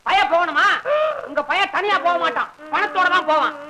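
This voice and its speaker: An actor playing a cheeky young son who teases his father with quick, mocking remarks. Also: extremely high pitch, sharp tone, heavily acted. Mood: teasing. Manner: teasing, quick, mocking with laughter. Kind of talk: 1960s film comedy acting.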